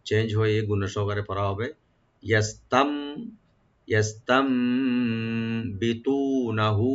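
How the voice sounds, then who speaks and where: A man teaching Quran recitation. He chants each phrase slowly, repeats it, and then explains how to pronounce it. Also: fairly low pitch, fairly bright tone. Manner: breaks verses into syllables, repeats slowly, then explains pronunciation rules. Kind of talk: step-by-step tajweed lesson. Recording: dull lo-fi recording.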